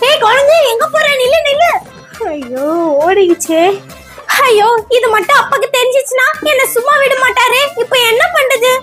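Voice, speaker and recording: A lazy, scheming little cartoon girl, as a woman voices her, whines and plots in an extremely high, squeaky voice. Her talk is childlike and sulky, and clear music plays behind her. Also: animated, normal speed, a bit bright. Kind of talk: cartoon comedy dubbing. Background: background music.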